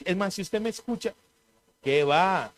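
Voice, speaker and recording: A man's voice: sits high, lively intonation, measured pace. A male pastor preaching a sermon, asking the congregation questions and acting out other people's voices. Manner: call-and-response preaching, mimics voices, rises to shouting.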